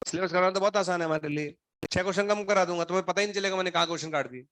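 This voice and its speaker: A man's voice: high-pitched, racing, fairly bright tone, no room sound. A male coaching teacher scolding his students in class, stern and sarcastic, grilling them one by one while running a fever. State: feverish, throat unwell.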